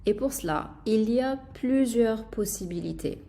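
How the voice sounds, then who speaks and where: A woman's voice: a little high, lively intonation, unhurried, mellow. A woman teaching English in an online lesson, explaining patiently with fillers and repeated examples.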